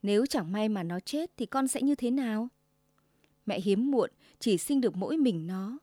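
Shrill domineering old mother-in-law, as a woman narrator puts her on. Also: expressive, normal speed, warm tone, no room sound, studio quality, natural voice. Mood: wheedling. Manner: shrill, commanding, sugary then scolding.

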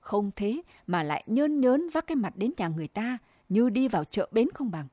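A furious village wife spits scorn and insults at her rival, as a woman reads her lines. The voice is warm and mellow, recorded close and dry with no room sound. Her scolding stays biting and relentless. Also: a little high, expressive, normal speed, no room sound. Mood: scornful. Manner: sharp, scornful berating.

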